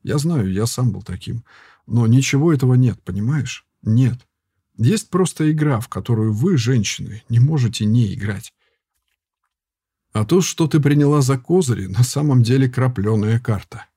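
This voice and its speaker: A tired former warrior turned healer who speaks softly and patiently, as an audiobook reader voices him. The voice is dark and husky. It sounds close and dry, with no room around it. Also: male voice, mid-range voice, lively intonation, normal speed, dry recording. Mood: reasoning. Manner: soft, patient, sighing. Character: weary male herbalist, former warrior, calm and gentle. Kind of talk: audiobook character reading.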